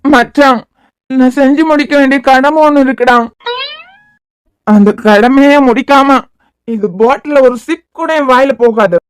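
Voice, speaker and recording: A tipsy young man in a cartoon voiced by a woman begs his friend loudly and insistently, with a Kanyakumari Tamil accent. The voice sits fairly high. The sound is dry and close. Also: a little slow, pauses often, smooth, dry recording. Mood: pleading. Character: tipsy young man, pleading buddy on the phone. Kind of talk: cartoon web series voice acting.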